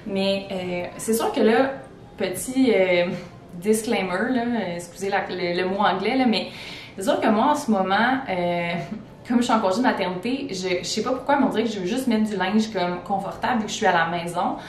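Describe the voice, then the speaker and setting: A young woman with a Québécois accent chats casually about her clothing finds, her talk full of fillers and restarts. She sits back from the camera, and the room rings with echo under a faint rumble. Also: moderate pace. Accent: Québécois French. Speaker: teacher vlogger. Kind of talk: casual fashion haul chat. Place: indoors at home. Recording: echoey room, far from the mic, faint rumble.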